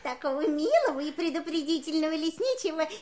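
A woman's voice: high-pitched, quick pace, crowd noise. A woman playing a young, mischievous, kind-hearted little witch in a children's audio drama, girlish and playful. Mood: coy, teasing. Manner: animated, girlish, impish.

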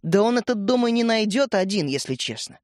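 A man narrating a children's story in a measured, expressive reading. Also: high voice, dry recording, studio quality.

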